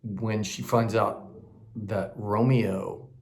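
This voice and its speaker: Slow, gravelly man teaching acting. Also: on the low side, fairly even intonation, darkish tone, a little hiss or hum. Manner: loose, conversational, full of fillers and tag questions. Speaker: acting coach. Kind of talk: teaching audition technique.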